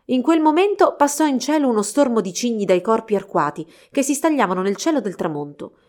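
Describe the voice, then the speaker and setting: A woman narrating a fairy tale storybook in a steady, expressive reading. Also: a little high, a little fast.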